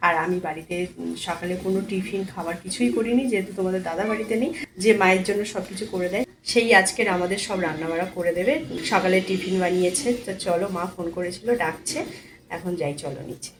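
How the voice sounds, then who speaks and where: A woman's voice: on the low side, fast, low-quality recording. A woman hosting a casual family vlog, chatting informally to viewers at home.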